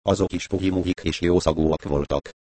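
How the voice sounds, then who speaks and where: A man's voice: low voice, steady tone, mellow, no echo. A man narrating an audiobook in a wry storytelling manner.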